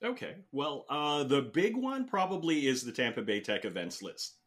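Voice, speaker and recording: A man's voice: mid-range voice, very animated, normal speed, fairly bright tone. A man in his fifties from the Philippines, a guest telling his story in a rambling, chatty way with many fillers and restarts. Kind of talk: casual interview talk.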